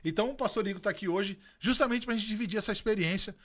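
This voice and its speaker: A man's voice: sits high, rapid-fire, fairly bright tone. A Brazilian man hosting a church podcast, asking questions and chiming in with short affirmations. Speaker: podcast host, pastor. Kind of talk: casual interview.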